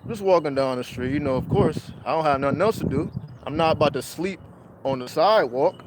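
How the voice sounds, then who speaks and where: A man's voice: a little high, fairly quick, heavy background noise. A man telling a rambling, profane street story in a casual livestream monologue. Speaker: livestream host.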